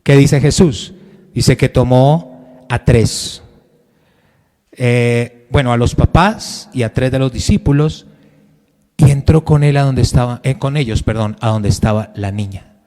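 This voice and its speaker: A man preaching a Sunday sermon as pastor, asking the congregation questions and swinging between loud and quiet. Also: mid-range voice, a little slow, big-room sound. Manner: preaching with sudden rises and drops in loudness, direct questions to the congregation. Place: church hall.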